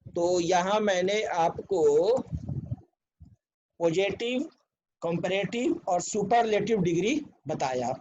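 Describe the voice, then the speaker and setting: A man with a fairly high voice teaches a grammar lesson at an unhurried pace, spelling out each word letter by letter. He keeps asking his students whether it is clear. The recording sounds dull and lo-fi. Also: expressive, a little mellow, a little hiss or hum. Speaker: English teacher.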